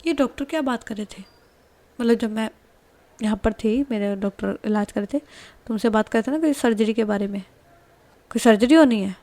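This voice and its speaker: A sulky young woman patient in a spoken love story, wheedling and pleading, as a woman narrator voices her. Her voice sits fairly high and stays close to the teller's own. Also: brisk, long pauses, dark tone, lightly acted.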